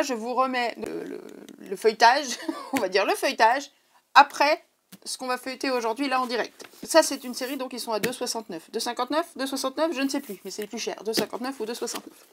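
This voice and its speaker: A woman's voice: fairly high pitch, a little hiss or hum. A woman with a French accent, chatting casually to her viewers in a craft haul video, digressing often. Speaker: craft vlogger.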